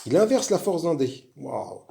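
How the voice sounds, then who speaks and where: Homme français bavard, voix éraillée. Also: male voice, mid-range voice, lively intonation, moderate pace, vocal fry, darkish tone. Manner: chatty, rambling, frequent restarts and fillers. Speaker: board game video host. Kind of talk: casual solo game walkthrough.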